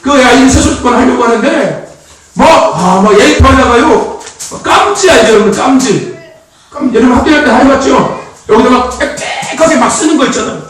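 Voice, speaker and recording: A male pastor giving a chatty, animated sermon, laughing often and prompting the congregation for amens. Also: very high-pitched, fairly quick. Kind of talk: informal sermon. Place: church sanctuary. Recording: echoey hall, distant mic, faint noise.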